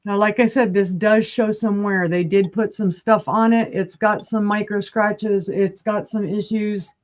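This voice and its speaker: A woman's voice: medium pitch, fairly even intonation, measured pace, darkish tone. Chatty woman auctioning vintage glass. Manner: chatty, describes items with asides. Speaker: online glass auction host. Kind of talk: casual live-stream auction chat.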